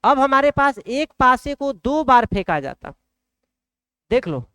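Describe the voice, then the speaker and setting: A man's voice: extremely high pitch, sing-song, unhurried, sharp tone, clear, resonant tone, dry recording. A man with a Bihari accent teaching a math class in a colloquial way, often asking the class questions. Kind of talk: blackboard lesson.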